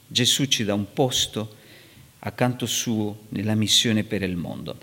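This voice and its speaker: A man preaching and teaching from scripture, animated and rising sharply in pitch for emphasis. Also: unhurried. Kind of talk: sermon. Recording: long hall reverb.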